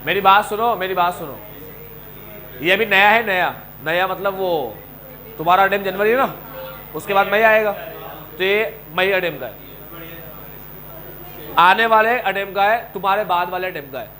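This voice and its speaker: A middle-aged man with an Indian accent teaching a coaching class, animated, scolding and joking with his students. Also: high-pitched, a little slow, long pauses, low-quality recording. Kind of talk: classroom lecture.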